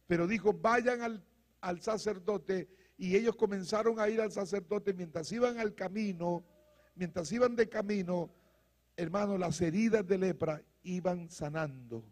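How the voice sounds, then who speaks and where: A male pastor preaching a fiery sermon, calling out to the congregation and rising to shouts. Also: high-pitched, normal speed. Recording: long hall reverb.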